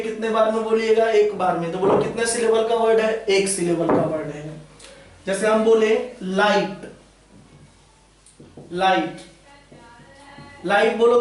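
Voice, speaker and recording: A man teaching English grammar in a lesson, repeating his points and often asking whether the students have understood. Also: high voice. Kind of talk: classroom-style lesson explanation. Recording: very echoey room, voice far from mic.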